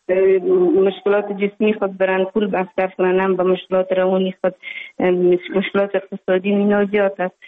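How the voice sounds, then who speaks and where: A woman psychologist speaking with an Afghan Dari accent, her voice coming through a thin, tinny phone line. She talks at a steady, flat pitch with hardly any rise or fall, and pauses often with fillers as she explains. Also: a little hiss or hum. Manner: hesitant, many pauses and fillers. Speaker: psychologist guest. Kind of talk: phone interview on radio.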